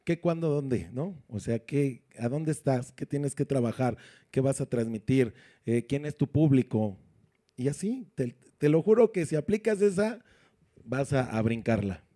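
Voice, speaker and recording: A man's voice: mid-range voice, animated, dark tone. A man, a sound system announcer, coaching others in a casual interview by firing off questions. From Puebla, Mexico. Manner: coaching, asks rapid questions. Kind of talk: casual interview, giving advice.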